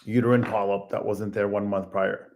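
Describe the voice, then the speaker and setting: A man's voice: on the low side, flat delivery, normal speed, a little mellow. Easygoing man reading out questions. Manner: easygoing, reads questions aloud. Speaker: co-host reading viewer questions. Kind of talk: casual live Q&A.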